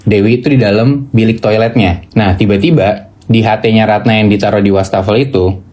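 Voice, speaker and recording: Mellow-voiced young man telling ghost stories. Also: fairly low pitch, a little fast. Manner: slangy, animated retelling. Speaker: storyteller host. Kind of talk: casual horror storytelling.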